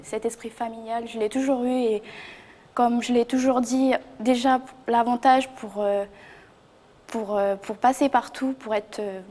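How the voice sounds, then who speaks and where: A young woman from New Caledonia, a reigning pageant winner, answering interview questions in a modest, halting way. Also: on the high side, fairly even intonation, warm tone. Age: young adult. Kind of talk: talk show interview.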